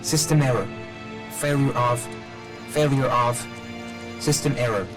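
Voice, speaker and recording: A broken-down combat robot, voiced by a man, in a video game, stuck with malfunctions and reporting system errors. Its clipped, flat, machine-like lines sit at a middle pitch for a man, with game music playing underneath. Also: unhurried, close to an everyday voice.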